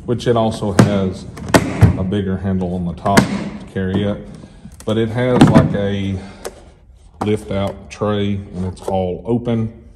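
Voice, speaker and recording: A man's voice: fairly low pitch, steady tone, a little slow, very noisy. A middle-aged man giving a casual walkthrough of his tool box in a large, bare shop building, explaining things plainly with a few fillers. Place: large empty shop building under construction, indoors. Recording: echoey empty shop with loud music behind.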